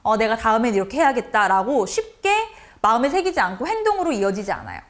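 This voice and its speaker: A woman with a fairly high, fast voice gives a lecture to teachers about communicating with students. Animated throughout, she keeps switching into a different voice to play out what teacher and child would say.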